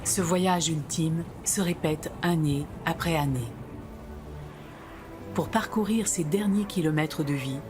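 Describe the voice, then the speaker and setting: A woman with a low-pitched voice delivers scripted narration for a nature documentary. Music plays clearly behind her as she speaks. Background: background music.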